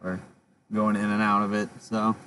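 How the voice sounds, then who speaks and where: A man's voice: on the low side, level tone, normal speed, pushed and bright. A man hosting a casual live storm stream, talking informally to viewers. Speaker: livestream host covering a storm. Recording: noisy vehicle, distant mic.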